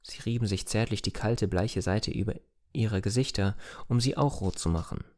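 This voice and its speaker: Low, mellow male audiobook narrator. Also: moderate pace. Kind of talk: scripted narration.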